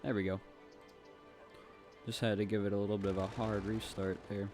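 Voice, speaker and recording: A man's voice: on the low side, level tone, normal speed, a little mellow. Rambling young man, light Southern lilt. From Southeastern United States. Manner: rambling, chatty, with frequent fillers and asides. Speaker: gaming YouTuber. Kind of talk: casual gameplay commentary. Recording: faint music in the background.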